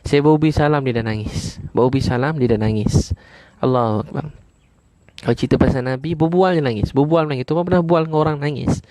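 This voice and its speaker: A man with a Malaysian Malay accent preaching a sermon. He repeats each point and peppers his talk with "ha", and he chants Arabic prayers slowly. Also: mid-range voice, warm tone, no echo.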